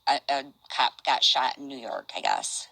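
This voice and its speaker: An older woman casually chatting on a stream, reading out messages in a halting, rambling way. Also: extremely low pitch, huge pitch swings, vocal fry, bright, forceful tone, no room sound, rough recording. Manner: rambling, halting, restarts and asides.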